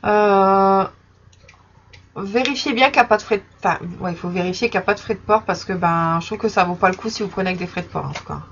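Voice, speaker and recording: A young woman casually chatting in her vlog while showing stickers she bought, with many fillers and soft laughs. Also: mid-range voice, fast talker. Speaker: vlogger. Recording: slightly dull recording with faint background noise.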